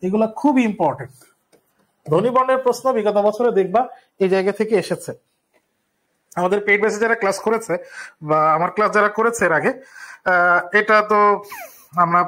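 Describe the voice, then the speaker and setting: A man teaching a live online exam-prep lesson, explaining step by step and repeating the key terms. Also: high voice.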